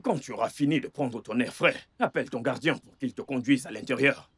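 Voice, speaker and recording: A man's voice: medium pitch, a little fast, slightly rough, close to an everyday voice. A man dubbing a film in French as an impatient, irritable man who grudgingly looks after his sick partner and scolds her. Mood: dismissive. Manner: exasperated, scolding. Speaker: dub actor.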